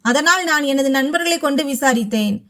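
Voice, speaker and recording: A woman narrating a first-person story with a dramatic, emotional delivery. Her voice sits high. She tells the tale as a storyteller. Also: expressive, brisk, a bit bright.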